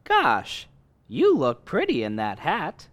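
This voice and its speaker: An actor playing a good-natured, bumbling young husband with an eager, boyish manner in a radio comedy. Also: male voice, fairly high pitch, huge pitch swings, slow pace, a bit bright, no room sound, heavily acted. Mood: fond, eager. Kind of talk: old-fashioned radio comedy acting.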